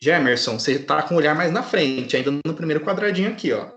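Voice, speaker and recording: A man's voice: a little high, expressive, fast, fairly bright tone, reverberant. Patient male teacher on a video call. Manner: patient, checks in constantly with students. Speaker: English teacher. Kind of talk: online class lesson.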